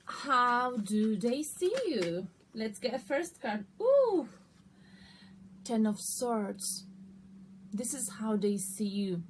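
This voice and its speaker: A tarot card reader hosts an online reading in a slow, slightly high voice. She keeps it casual and conversational, often checking in with her listeners. There's noticeable background noise.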